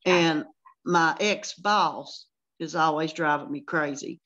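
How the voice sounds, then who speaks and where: An older woman with a Southern US country accent, her voice fairly low. She tells a story in a chatty way. The sound is dull and lo-fi. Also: takes it slowly, a bit bright. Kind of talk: casual group video call.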